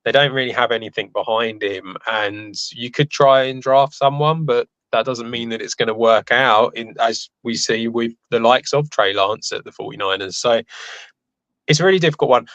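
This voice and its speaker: Measured man on a dull lo-fi mic. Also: medium pitch, a bit bright, dry recording. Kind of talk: casual sports chat.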